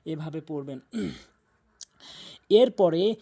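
Male recitation teacher, dark fairly high voice, slow drawn syllables then brisk explanation. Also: animated. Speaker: Quran reading teacher. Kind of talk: Quran recitation lesson.

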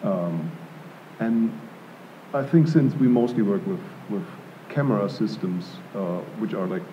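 A man's voice: fairly low pitch, unhurried, a little hiss or hum. A man in his thirties from Germany, answering at an art gallery panel in a thoughtful, hesitant way with many fillers and restarts. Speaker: panel artist. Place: art gallery panel before a live audience. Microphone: table mic on stand. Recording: dull lo-fi live room sound.

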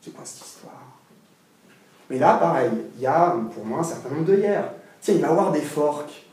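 A man giving a seminar lecture in an animated, emphatic way, with frequent restarts and asides. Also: on the high side, brisk. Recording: echoey room, mic far off.

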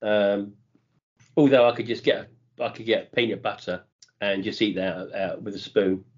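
A man's voice: fairly low pitch, fairly even intonation, normal speed. A middle-aged man, chatting casually as a podcast co-host and enthusing about food. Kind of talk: casual chat. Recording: dull lo-fi podcast audio.

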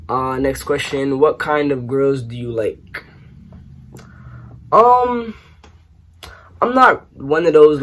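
Husky-voiced young man vlogging. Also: mid-range voice. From New York, raised partly in Trinidad. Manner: animated, joking, slangy, gesturing with hands. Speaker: YouTuber. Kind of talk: casual Q&A vlog. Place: small bedroom, indoors.

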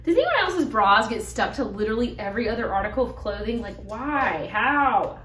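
A woman in her thirties chatting casually to her phone camera in her living room while she folds laundry, upbeat and quick to laugh. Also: fairly high pitch, lively intonation. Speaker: home vlogger.

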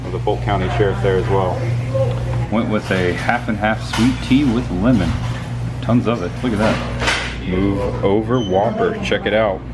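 This chatty travel vlogger has a lowish voice and talks at normal speed, enthusiastically pointing things out as he narrates casually on the go. He's outdoors by roadsides and in a small diner, holding the camera at arm's length, with traffic noise behind him.

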